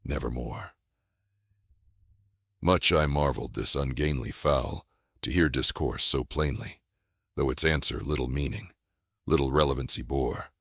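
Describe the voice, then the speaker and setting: Male poetry reader, extremely low and firm voice, solemn theatrical delivery of gothic verse, close dry sound. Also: moderate pace, fairly bright tone, no room sound. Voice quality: deep firm voice. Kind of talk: dramatic recitation of a gothic narrative poem.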